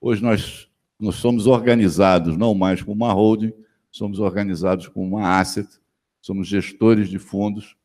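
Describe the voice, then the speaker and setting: A man with a Brazilian Portuguese accent giving a conference presentation on stage, pausing often and restarting phrases. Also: lowish voice, steady tone, a little mellow. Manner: halting, many fillers and restarts. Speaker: panel speaker, company executive.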